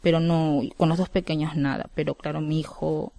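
Peruvian woman speaking in flat tones. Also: low voice, moderate pace, creaky, no echo. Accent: Peruvian Spanish. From Peru. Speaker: interviewee, widow of a fisherman. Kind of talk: emotional testimony.

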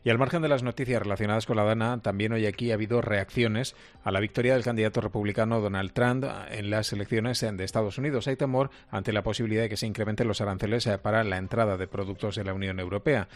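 A man presenting regional radio news, reading in a brisk, steady newsreader manner. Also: on the low side.

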